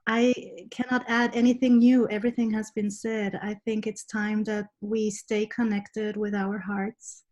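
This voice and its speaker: A woman's voice: medium pitch, little pitch movement, measured pace, few pauses, a little mellow. A woman from Switzerland, a healer, introducing herself earnestly and gratefully on a video call. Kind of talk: heartfelt self-introduction. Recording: dull lo-fi call audio.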